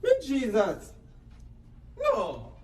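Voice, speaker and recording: A man's voice: high voice, huge pitch swings, extremely slow, a little mellow, distant mic. Flustered man in an echoey room. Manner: flustered, apologetic, exasperated. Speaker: comedy sketch creator. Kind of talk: comedy sketch.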